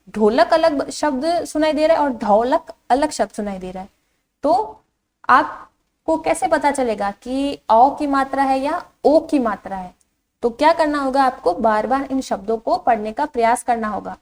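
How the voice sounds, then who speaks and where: A woman teacher who builds words sound by sound for young children, says each one slowly, then asks and answers her own questions. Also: high-pitched, darkish tone. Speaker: school teacher. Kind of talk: slow, drilled phonics lesson for young children.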